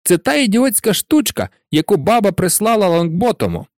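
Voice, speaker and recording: A man's voice: sits high, very animated, normal speed, darkish tone, no room sound, studio quality, voice pushed up. A man voicing a spoiled, sneering schoolboy bully in a storybook reading, taunting and mocking.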